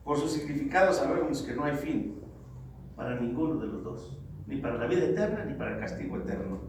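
A man preaching a sermon to the congregation, calling them brothers, swinging from loud exhortation to low, grave tones. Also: animated, a little fast. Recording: very echoey hall, distant mic, faint noise.

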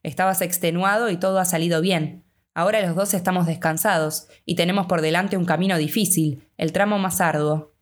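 Woman reading as a weary, gentle hobbit. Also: on the low side, fairly quick, lightly acted. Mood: calm. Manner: calm and reassuring. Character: weary gentle young male hobbit leader.

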